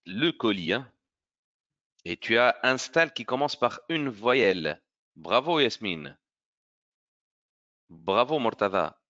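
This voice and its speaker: Patient teacher. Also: male voice, medium pitch, big pitch swings, sharp tone, lo-fi sound. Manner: encouraging, praises pupils by name; slow, careful explaining. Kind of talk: online French grammar lesson for children.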